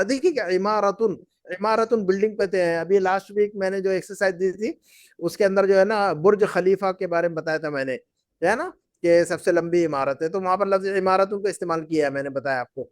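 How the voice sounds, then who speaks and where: High-voiced man drilling a class. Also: dry recording, studio quality. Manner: patient, repeats words and quizzes the class. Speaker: Arabic teacher. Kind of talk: language class, drilling students. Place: class run from Bahrain.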